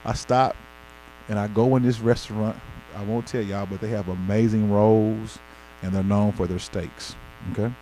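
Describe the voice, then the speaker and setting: A man's voice: lowish voice, moderate pace, slight background noise, low-quality recording. Southern man with a St. Louis twang. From Arkansas, United States. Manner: animated, colloquial, folksy. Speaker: presenter at an education talk. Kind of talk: informal public speaking with storytelling.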